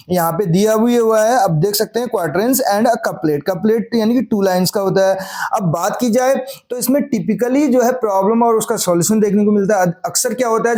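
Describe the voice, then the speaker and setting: Guy with a high voice teaching english lit in a hindi-english mix, keeps asking the class questions and answering them himself. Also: darkish tone. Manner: repeats each point as a question and answers it himself; reads English lines slowly, then explains them in Hindi.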